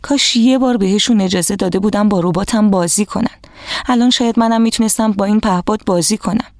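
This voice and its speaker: A woman's voice: mid-range voice, no echo, studio quality, lightly acted. A woman voicing a proud, spoiled young boy in a children's story, boastful and sulky. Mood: regretful. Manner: sulky and boastful at first, then softer.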